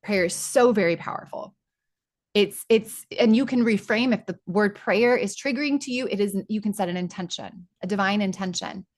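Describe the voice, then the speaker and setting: A woman leading an online spiritual workshop, talking in a chatty, excitable way with many restarts, over a video call. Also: mid-range voice, normal speed. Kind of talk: informal spiritual teaching talk.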